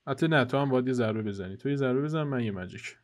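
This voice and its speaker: A young man casually commentating co-op gameplay for his channel, joking and teasing his teammate while guiding viewers. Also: medium pitch. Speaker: gaming channel host. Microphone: headset.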